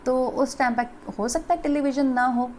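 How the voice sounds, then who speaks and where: A woman's voice: sits high, normal speed, darkish tone, slight background noise. A woman teacher explaining a story to children and quizzing them with countdowns. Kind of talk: children's Hindi lesson, reading a story.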